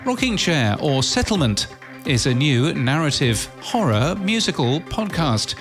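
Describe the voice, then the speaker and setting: He reads the headlines of a scripted podcast news bulletin against background music, his medium-pitched voice fairly bright in tone. The delivery stays crisp and well ordered, broken only by an occasional dry aside.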